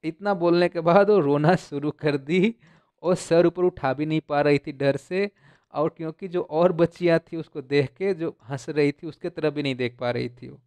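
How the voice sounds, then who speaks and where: Male tutor with a smooth, clear voice and a slightly high pitch, reading text deliberately, then explaining casually. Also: darkish tone, no room sound. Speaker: teacher explaining a textbook story. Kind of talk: line-by-line lesson, reading English text slowly then explaining in Hindi.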